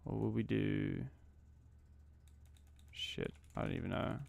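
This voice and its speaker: A man's voice: lowish voice, steady tone, takes it slowly, gravelly, darkish tone. A man in his twenties from Australia, chatting casually and muttering to himself on a live stream while he codes. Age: 20s.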